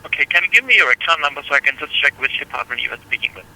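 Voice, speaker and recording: A man's voice: a little high, lively intonation, racing, sharp tone. A man with an Indian accent working as a call center agent, speaking politely and formally by the book over the phone. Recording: tinny telephone line.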